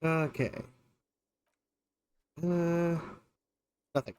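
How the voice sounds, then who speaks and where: A man's voice: fairly high pitch, very slow, darkish tone, a little hiss or hum. A man casually commenting as he plays a game, playful and teasing, reading options aloud. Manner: playful, teasing, laughs a lot, reads choices aloud. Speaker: gamer playing through a game.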